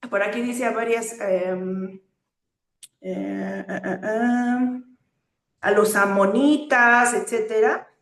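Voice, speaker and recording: A woman preaching a sermon, teaching earnestly with rhetorical questions and frequent hesitant fillers. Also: medium pitch. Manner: hesitant fillers between phrases. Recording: echoey room.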